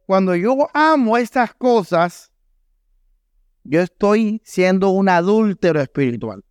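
A male pastor delivers an emphatic sermon with a Colombian Caribbean Spanish accent, often turning to ask his listeners questions. His voice sits somewhat high and sounds smooth and clear. The recording is close and dry, with very little room sound. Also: no room sound. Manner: emphatic preaching with rhetorical questions to the congregation. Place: church hall.

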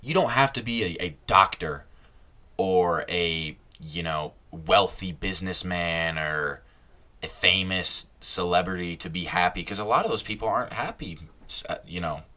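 A young podcast host talks at a normal speed through a casual solo episode, his low voice carrying a bright edge. He rambles, restarts sentences and laughs at his own slips.

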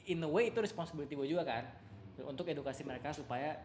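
A man's voice: fairly high pitch, expressive, racing, darkish tone, echoey room, a little hiss or hum. A man who works as a strength coach, talking bluntly and animatedly in a casual discussion, mixing in English phrases.

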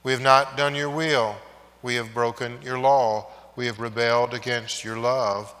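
A man, a pastor, leading liturgy and prayer in a measured way, his phrases trailing off quietly, with a long cathedral-like echo. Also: mid-range voice, steady tone. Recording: long echoing reverb of a large church.

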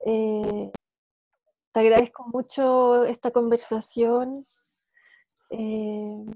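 A woman hosting an interview who speaks gently and gratefully, with hesitant fillers. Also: fairly high pitch, little pitch movement, extremely slow, no room sound, muffled recording. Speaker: host. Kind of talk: interview host.

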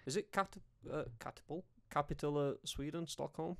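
A man's voice: on the high side, moderate pace, a bit bright, dry recording, clean studio sound. A man with a strong Yorkshire accent, chatting casually in a blunt, sweary, teasing way. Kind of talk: casual banter.

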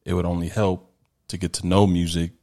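Deep-voiced male DJ, sincere and halting, low register. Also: level tone, gravelly, warm tone. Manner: earnest, halting with restarts. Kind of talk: casual interview chat.

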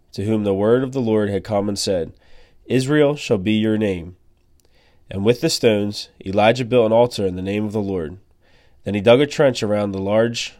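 Scripture reader, male, low voice, solemn and measured. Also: darkish tone. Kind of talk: scripture reading.

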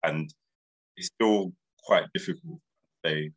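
Deep voiced london roadman bloke, bit raspy, slangy casual podcast chat. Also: slow pace. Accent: London, urban street. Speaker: podcast co-host.

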